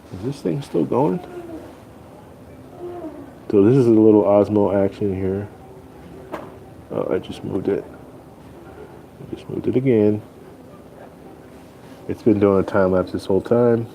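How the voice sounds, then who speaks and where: A man hosting a casual live stream, chatting with viewers in a halting, rambling way. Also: low-pitched, gravelly. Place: airport waiting area. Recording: faint airport background noise.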